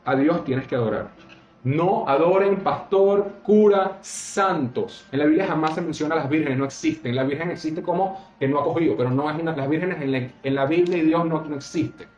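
A podcast host with a fairly high voice talks a little fast and barely pauses, speaking bluntly and emphatically while swearing freely in a casual show. The sound is roomy and slightly dull, with faint music.

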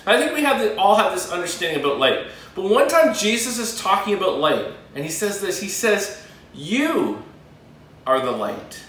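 A male pastor giving a sermon with earnest, emphatic pauses. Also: high voice, big pitch swings, fairly bright tone, slight background noise. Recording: very echoey room, voice from a distance.

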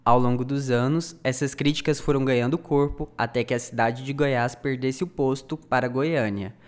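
A man narrating a history podcast from a script, clear and didactic, addressing the listener directly. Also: mid-range voice, steady tone, moderate pace.

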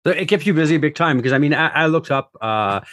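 A man's voice: on the high side, expressive, fast talker, fairly bright tone, no room sound. A man hosting a podcast interview in a chatty, upbeat way, often restarting his sentences. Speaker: podcast host.

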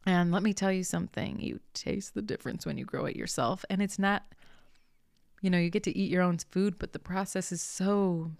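A young adult woman hosting a podcast, talking casually and earnestly about simple joys, sometimes dropping into a soft whisper and swearing lightly. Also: lowish voice, moderate pace, vocal fry, dry recording, clean studio sound. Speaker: podcast host, spiritual coach. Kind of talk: casual motivational monologue.

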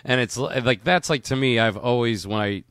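A man hosting a podcast, talking in an excited, rambling way and swearing often. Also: mid-range voice, normal speed, smooth, dry recording, clean studio sound. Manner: enthusiastic, rambling, swears a lot. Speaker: podcast host. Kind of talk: casual podcast chat.

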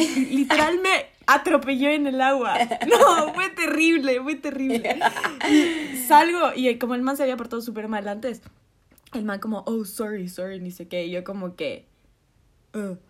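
Animated young-sounding woman storyteller. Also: sits high, moderate pace. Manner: animated, laughing, full of slang and quoted asides. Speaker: podcast co-host. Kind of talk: casual storytelling chat.

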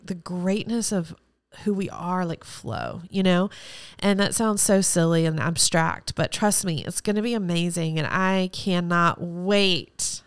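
Effusive woman, smooth low podcast voice. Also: no echo. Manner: effusive, rambling and emotional. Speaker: podcast host; former teacher. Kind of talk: solo podcast monologue.

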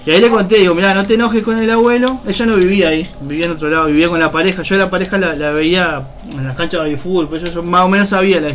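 A man's voice: high-pitched, steady tone, racing, few pauses, a bit bright. A man with a Uruguayan accent, a radio co-host telling a personal story in a rambling way, full of fillers and restarts. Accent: Uruguayan Spanish. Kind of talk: casual spoken storytelling on radio.

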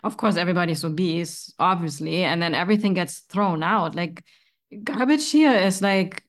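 Raised woman hosting, low voice. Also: moderate pace. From Germany. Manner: agreeable, with short listening replies. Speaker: podcast host. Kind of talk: casual interview conversation.

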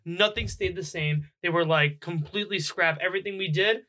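A man in his twenties chatting about cars, excitable and repeating himself. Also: high-pitched, brisk. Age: 20s. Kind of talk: casual car chat.

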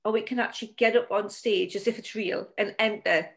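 A woman of middling pitch who co-hosts a relaxed conversation over a video call. She speaks in a gentle, reflective manner, letting her thoughts unfold in easy sentences. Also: a little fast. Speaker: co-host and coach. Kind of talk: casual conversational podcast.

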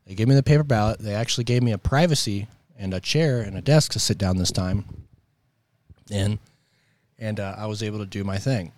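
A man's voice: lowish voice, a little fast, a little mellow. An American man with a sore throat, delivering an opinionated political monologue in an emphatic, exasperated, colloquial way. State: sore throat with coughing and throat clearing. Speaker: host of a political commentary show.

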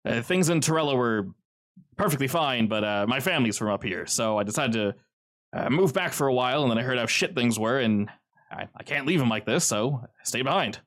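A man voicing an excitable young man who stammers and rushes through his words at a reunion. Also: medium pitch, natural voice. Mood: relieved.

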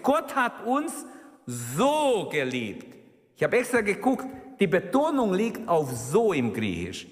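A man delivers a sermon in a fervent, emphatic way, and his pitch swings widely from phrase to phrase. He speaks slowly and deliberately. His voice rings through a reverberant church hall. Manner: fervent, emphatic preaching with exclamations. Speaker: preacher.

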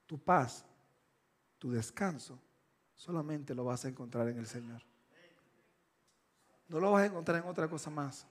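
A man preaching a sermon with emphatic, repeated phrases, swinging between loud bursts and hushed, slow lines. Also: a little high, animated.

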